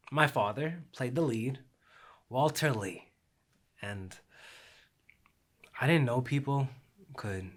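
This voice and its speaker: A young man performing a reflective theatrical monologue, slow and measured, sinking at times to a near whisper. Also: medium pitch.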